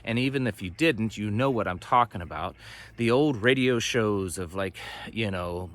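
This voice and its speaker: A fairly low, fairly bright voice at normal speed: a middle-aged American man talking casually and folksily to camera for his homesteading and prepping channel. He's outside on the homestead, ducks nearby, and tends to ramble and trail off partway through thoughts.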